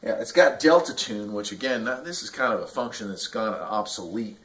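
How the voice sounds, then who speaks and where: An American man in his forties reviews radio gear to camera in a small indoor radio workshop, talking casually like a vlogger. His voice sits on the low side with a fairly bright tone, lively intonation and a moderate pace.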